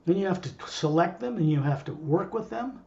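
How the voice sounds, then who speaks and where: A man's voice: high voice, lively intonation, a little fast, vocal fry, mellow, lo-fi sound. A man who acts as a spiritual teacher, talking casually and digressively to a small group. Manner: rambling, digressive.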